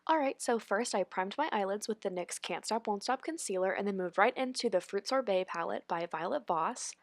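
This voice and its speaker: Her mid-range voice sounds animated and brisk, though stuffed up from a cold, as this young beauty vlogger talks through a makeup tutorial. It's a separately recorded voice-over, chatty and full of "like" and "honestly."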